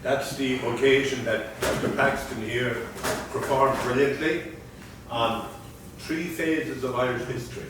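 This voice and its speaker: A man hosts an informal evening event with a playful, teasing manner. He sits well back from the microphone, so his voice comes through distant in a very echoey hall. Steady background noise runs under his talk. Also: mid-range voice, a little slow. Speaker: master of ceremonies. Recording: echoey hall, mic far off, noisy.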